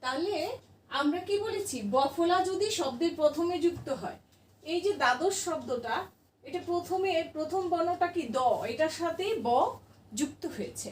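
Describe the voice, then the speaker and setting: A woman's voice: extremely high pitch, animated, normal speed, roomy sound, far from the mic, a little hiss or hum. A woman teacher giving a grammar lesson to her class, patiently asking questions and answering them herself.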